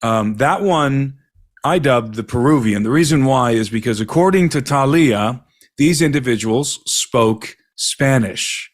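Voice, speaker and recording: A man with an expressive, medium-pitched voice speaks unhurriedly as an investigator recounting an interview. He earnestly describes a witness's account in detail, often repeating himself while he gathers his words.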